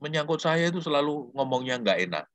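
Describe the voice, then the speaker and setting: A man's voice: on the high side, animated, quick pace, fairly bright tone, no echo, pitched above the performer's own voice. A complaining young male student, sulky and insistent, in a raised, strained register, as a man acts him out in an anecdote. He keeps repeating his grievance in short, plaintive bursts. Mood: aggrieved.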